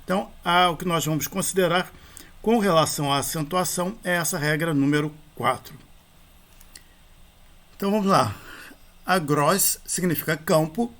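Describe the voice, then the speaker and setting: A man's voice: fairly high pitch, moderate pace, pauses often, a bit bright. A man, teaching a grammar lesson and spelling out endings and rules step by step.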